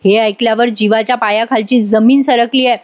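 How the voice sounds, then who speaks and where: Chatty high-voiced woman recapping a serial. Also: steady tone, brisk. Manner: chatty, addresses viewers directly. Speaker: serial review narrator.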